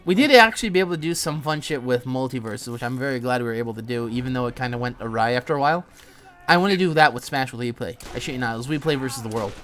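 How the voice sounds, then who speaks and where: A man streaming a game and chatting loosely with a friend. He rambles, restarts his sentences and swears freely. His voice has an ordinary middle pitch, with faint noise in the background. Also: racing, fairly bright tone. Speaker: gaming streamer. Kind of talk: casual chat while playing.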